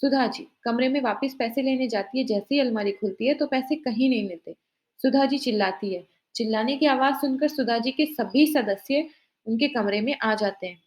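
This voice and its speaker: A woman telling a family drama story in plain, even scripted narration. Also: on the high side, moderate pace.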